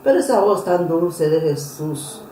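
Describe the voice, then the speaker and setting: A woman telling her personal religious testimony in an interview, earnest and emotional, pausing and restarting often. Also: on the low side, lively intonation, warm tone, a little hiss or hum. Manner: earnest, emotional storytelling with many pauses and restarts. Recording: roomy echo.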